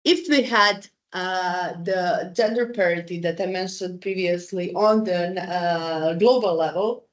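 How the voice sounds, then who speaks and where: A woman from Croatia talks through research findings in a relaxed, conversational manner. Her voice sits a little low, and she often restarts sentences and fills pauses with small hesitations. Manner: chatty, with frequent fillers, restarts and laughs. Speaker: researcher speaking at a panel. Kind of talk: conversational presentation.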